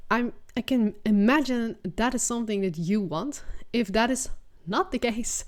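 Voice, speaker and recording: A woman from the Netherlands with a Dutch accent, hosting her own podcast as a business coach and talking to listeners in an earnest, encouraging way that often restarts its sentences. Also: medium pitch. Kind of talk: solo podcast monologue.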